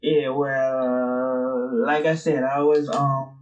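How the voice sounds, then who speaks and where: Answering interview questions as a guest, a Brooklyn, New York streetwear brand founder in his twenties talks in a loose, rambling manner, full of fillers and casual swearing. His medium-pitched voice barely varies and is extremely slow. The recording has its highs cut off and a faint hiss or hum.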